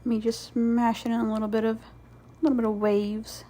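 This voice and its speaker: A woman's voice: a little high, little pitch movement, fairly quick, warm tone. A woman giving casual, rambling craft voice-over commentary as host, playfully sarcastic and self-deprecating.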